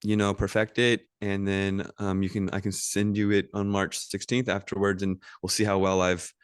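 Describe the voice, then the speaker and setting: An American man with a low, smooth and resonant voice, talking loosely as a podcast guest. He rambles, backtracks and fills pauses with "um." The sound is dry and close. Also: level tone, dry recording. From United States. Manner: rambling, with many fillers and restarts. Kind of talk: casual podcast conversation.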